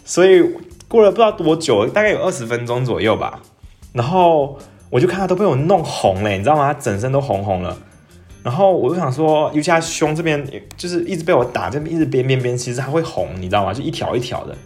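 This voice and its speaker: A young man, telling a personal story in a casual, animated podcast monologue and dropping English phrases into his talk. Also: quick pace, faint music behind. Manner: animated, jumps up in pitch when excited, mixes in English phrases. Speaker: podcast host.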